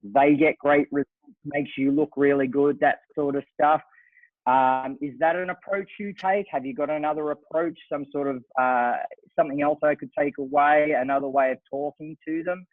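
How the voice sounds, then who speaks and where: A gently, softly spoken man with an Australian accent, calling in with a question. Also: on the high side, steady tone, moderate pace, no room sound. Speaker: caller. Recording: tinny phone line.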